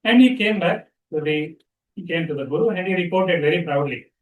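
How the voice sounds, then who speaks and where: A man, a spiritual teacher giving a talk in a conversational, animated storytelling manner. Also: fairly high pitch, fairly quick, phone-quality sound, a little hiss or hum. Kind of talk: spiritual discourse. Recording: roomy sound from a distant mic.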